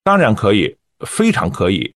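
Calm male reading coach, dry studio voice. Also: fairly low pitch, dry recording. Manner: calm, measured explaining with light fillers. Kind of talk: teaching on-air reading technique.

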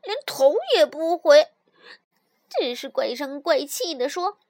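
A woman telling a children's story in the first person, in an expressive, sighing way. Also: high-pitched, slow, no echo, studio quality.

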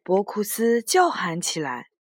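Woman storyteller, slow unhurried pace, children's storybook read-aloud, dry close recording. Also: medium pitch, huge pitch swings, dry recording.

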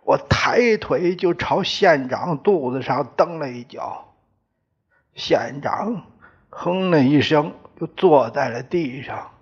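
A man reading a novel aloud in the first person, with slow, weighty storytelling. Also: fairly high pitch, lively intonation, breathy edge. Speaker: audiobook narrator. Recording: dull lo-fi recording.

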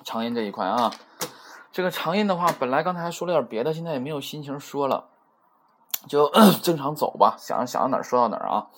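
A man's voice: mid-range voice, animated, fast, fairly bright tone. A man teaching a beginner Japanese lesson in a chatty way, repeating points and checking that listeners follow. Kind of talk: casual recorded lesson.

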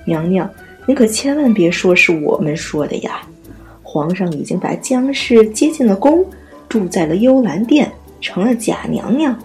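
A woman voicing a scheming palace concubine who talks in a sly, drawn-out way. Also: medium pitch, very animated, darkish tone, faint music behind.

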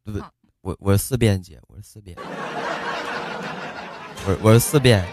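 A man's voice: lowish voice, moderate pace, over loud music. A man debating over voice chat, breezy and cheerful as he states his side. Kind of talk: online voice-room debate.

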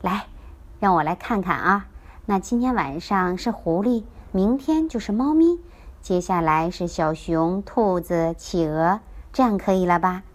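A woman as a gentle, caring mother. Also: on the low side, expressive, measured pace.

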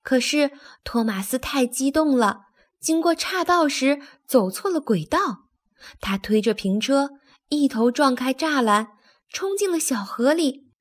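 A woman narrating a children's story in a lively, expressive way, speaking to young listeners. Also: high voice, a little slow.

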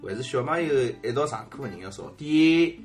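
Co-host, Shanghainese man, mid pitch, animated delivery, bantering. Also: fairly quick, faint music behind. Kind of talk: casual chat.

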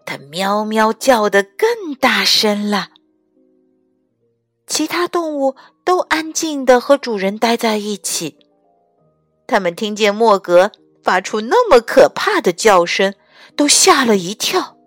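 Mom reading a kids' picture book, slow and super expressive, voice bouncing all over, dry close sound. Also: female voice, on the high side, dry recording, faint music behind. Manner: slow and expressive, acting out every character. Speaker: mother reading picture books to her child. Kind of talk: storybook reading aloud.

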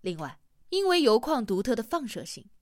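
Expressive woman narrating a novel. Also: fairly high pitch, moderate pace, no room sound, studio quality. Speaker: audiobook narrator.

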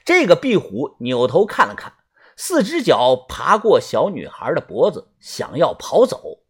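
A man's voice: huge pitch swings, a little slow, breathy edge. A man narrating a suspenseful first-person audiobook, tense and dramatic in delivery. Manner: tense, suspenseful storytelling with strong pitch swings.

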